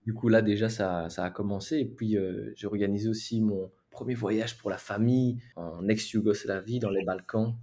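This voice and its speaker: A man's voice: on the low side, normal speed, few pauses. Young Belgian man, casual chat. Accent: Belgian French. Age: 20s. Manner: animated, restarts sentences often. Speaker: podcast guest.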